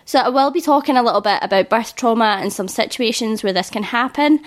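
Hosting her solo podcast, a woman in her thirties who works as a birth educator sounds earnest and reassuring. Illness leaves her voice slightly croaky; it sits a little high and moves briskly.

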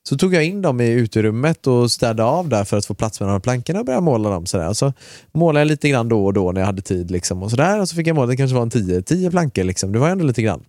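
A man co-hosting a podcast, casually telling a long anecdote in a relaxed, chatty way with lots of filler words and mild swearing. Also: mid-range voice, dry recording, clean studio sound. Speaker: podcast co-host.

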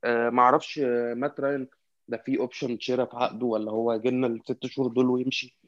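A man with an Egyptian Arabic accent in casual football discussion, halting and repetitive as he searches for words. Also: mid-range voice, little pitch movement, no echo, muffled recording. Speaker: football fan commentator.

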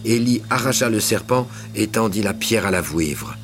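Man, very low voice, theatrical storytelling, swells and hushes, music bed. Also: moderate pace. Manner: theatrical, rising in pitch and force at tense moments, hushed at calm ones. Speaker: narrator. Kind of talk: scripted dramatic narration of a legend.

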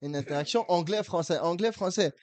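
A man tells stories on a casual podcast with a friend, animated and full of English slang. His voice sits somewhat high. The sound is close and dry. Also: a little fast, dry recording. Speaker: podcast co-host. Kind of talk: casual chat between friends.

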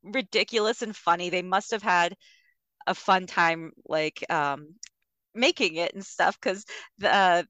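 A woman hosting a podcast in casual chat, laughing often and acting out scenes in quick impressions. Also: fairly low pitch, fairly bright tone, no room sound. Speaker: podcast host.

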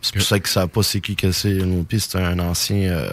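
A man with a Québécois French accent, chatting casually and speeding up in animated bursts as he tells stories. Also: sits low. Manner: animated, quick bursts when telling stories. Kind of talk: casual chat.

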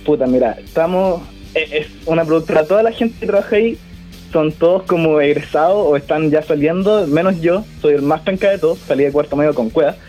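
A man's voice: a little high, brisk, a little mellow, soft background music. A teenage man with a Chilean accent, calling in and chatting casually in a slangy, hesitant, rambling way. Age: teens. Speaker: caller. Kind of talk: casual phone-in chat.

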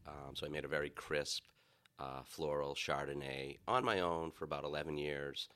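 A man with a Boston accent chatting casually as a guest about making flavored vodka, relaxed and unhurried with many fillers. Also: rumbling low. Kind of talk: casual chat.

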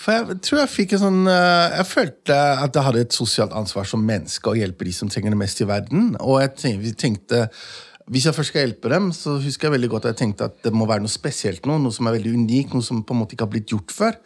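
A man's voice: medium pitch, animated, breathy edge. A man telling a personal story in an earnest way, lifting his voice for the quoted lines. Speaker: guest, founder. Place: studio in a city.

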